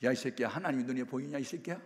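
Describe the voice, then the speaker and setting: A man's voice: mid-range voice, fast talker, long reverb tail, lightly acted. A man putting on a drunk, cursing furious mother. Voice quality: coarse, cursing, shouting. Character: drunk, furious, foul-mouthed poor middle-aged mother.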